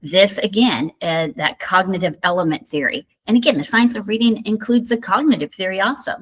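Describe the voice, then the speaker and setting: A woman's voice: mid-range voice, fairly quick, breathy edge. A middle-aged woman with a Southern American accent, giving a recorded university lecture in a conversational way with many fillers and asides. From Indiana. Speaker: university instructor.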